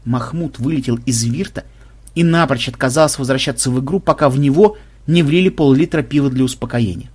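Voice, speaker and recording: A man reading a humorous story aloud as the narrator, in a lively, wry storytelling manner. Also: medium pitch, a little fast, husky. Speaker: audiobook narrator. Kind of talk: scripted narration.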